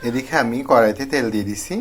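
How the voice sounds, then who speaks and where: Young male cooking vlogger, mid pitch, friendly step-by-step explainer, faint background hiss. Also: fast talker. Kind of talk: casual cooking demonstration.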